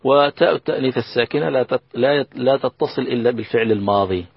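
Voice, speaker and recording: Gravelly husky male grammar teacher. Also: medium pitch, dry recording, muffled recording. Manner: slow, repeats key phrases, explains with examples. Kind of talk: recorded classroom lesson.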